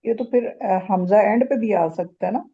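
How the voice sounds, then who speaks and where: A woman's voice: medium pitch, normal speed, dark tone, husky, highs cut off. A woman student asking her teacher hesitant questions in an online class.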